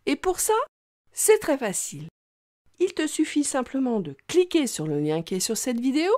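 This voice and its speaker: A woman teaching young children to read, talking slowly in an exaggerated, sing-song way. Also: high-pitched, very animated, darkish tone, dry recording, studio quality. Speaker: reading teacher. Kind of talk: children's reading lesson.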